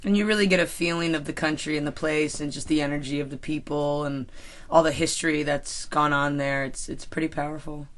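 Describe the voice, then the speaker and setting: A woman's voice: low-pitched, steady tone, a little fast. A woman on a film commentary, curiously asking the director questions. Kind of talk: DVD commentary chat.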